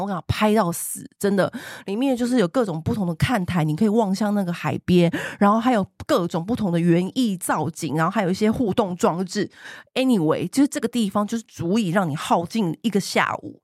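A woman, co-hosting a podcast and telling a travel story in a gushing, animated way. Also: mid-range voice, dry recording, studio quality. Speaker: podcast co-host. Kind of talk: casual chat, travel storytelling.

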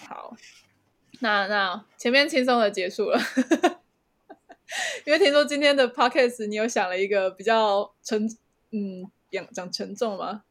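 A woman's voice: mid-range voice, measured pace. A woman with a Taiwanese Mandarin accent co-hosting a casual podcast chat, giggling often and asking eager follow-up questions. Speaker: podcast co-host.

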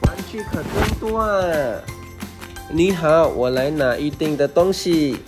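A woman's voice: sits low, slow, voice pushed down. A woman voicing a cheerful father while acting out a picture book for young children. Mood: friendly. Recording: music behind the voice.

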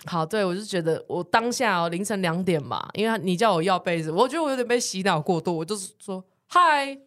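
Telling a story on the podcast she co-hosts, this woman speaks a little quickly at a medium pitch. The chat is casual, and she keeps laughing, cursing and performing the voices of the people she quotes.

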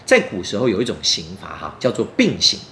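A man telling a story to children in an animated way, explaining as he goes and often asking the young listeners questions. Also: on the low side, fairly quick. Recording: roomy echo, faint background noise.

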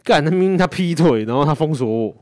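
A man co-hosting a podcast, telling stories in a lively, cursing way and acting out what others said. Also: fairly high pitch, fast talker, no echo, studio quality. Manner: animated storyteller who swears and acts out quoted friends. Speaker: podcast co-host. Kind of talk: casual chat.

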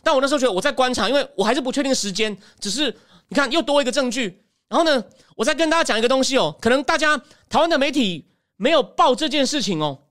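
A woman giving emphatic, animated political commentary as a podcast host. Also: high voice, fast. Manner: animated, emphatic, acts out quotes.

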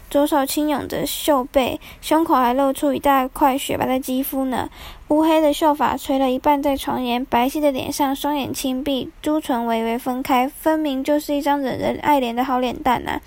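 A woman storyteller narrating a folk tale in a vivid, expressive manner. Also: high voice, moderate pace.

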